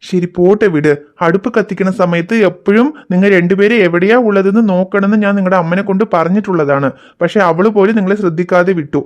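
A patient, gentle cartoon father, voiced by a performer, who talks in a quick, steady flow. He reassures and explains calmly, in a mid-pitched everyday voice. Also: muffled recording, natural voice. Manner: calm, reassuring, explains things to his children. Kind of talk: cartoon voice acting.

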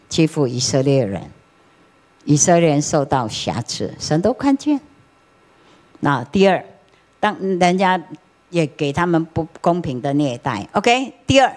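A woman pastor preaches in a church, her voice rising and dropping widely as she quizzes the listeners. She answers her own questions and chuckles through homely stories, speaking into a microphone. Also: low-pitched. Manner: lively, questions the congregation and answers herself; acts out anecdotes, chuckles often. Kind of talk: sermon. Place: church sanctuary.

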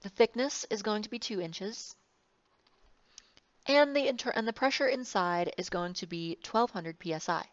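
A woman's voice: mid-range voice, moderate pace, dry recording. A woman engineering instructor giving a recorded lecture, rambling and correcting herself with wry asides. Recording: dull, slightly muffled, dry sound.

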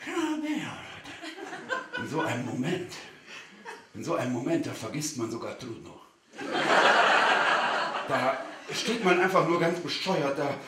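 A male comedian performing a live stage show, speaking to the audience in a mock-formal, animated way and sometimes shouting. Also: medium pitch, normal speed, long pauses, noisy background. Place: theater stage. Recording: roomy theater sound.

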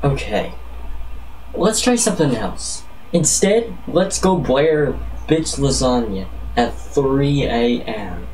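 A man's voice: medium pitch, expressive, slow pace, a little mellow, recorded from a distance, a little hiss or hum, poor audio. A man rambling casually as a comedic challenge vlogger, with jokey, profane, exaggerated reactions.

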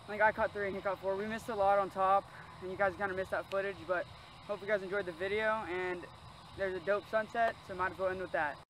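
A man's voice: high voice, fairly even intonation, fast, a bit bright, slight background noise, poor audio. A teenage boy casually narrating his fishing trip by a pond, offhand and slangy, recorded outdoors on a camera mic. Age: teens. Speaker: vlogger. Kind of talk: casual fishing vlog commentary.

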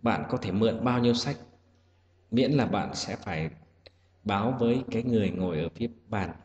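A man's voice: fairly low pitch, expressive, normal speed, dull audio. A man teaching an exam-prep English lesson, explaining each answer patiently, step by step. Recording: echoey room with loud hiss.

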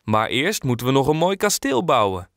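A hearty, cheerful house painter who calls out loudly to the whole street, as a male storyteller puts him on. His voice sits a bit raised and carries strongly. Dry, close sound. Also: mid-range voice, big pitch swings, normal speed, dry recording. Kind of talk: audiobook character voice.

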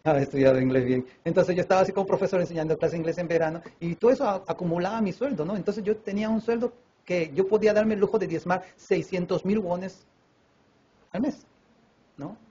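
A man's voice: high voice, fast talker, breathy edge. A man from Peru with a Peruvian Spanish accent, a preacher telling a personal testimony in a sermon and acting out the dialogue. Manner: animated storyteller who acts out dialogue voices, with many fillers. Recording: dull lo-fi recording with faint room noise.

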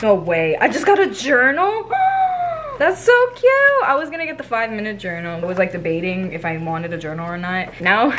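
Young woman vlogger, gushy and excitable, casual unboxing chat, noisy home recording. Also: mid-range voice, fairly quick. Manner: excitable, swearing, gushing with squeals and laughs.

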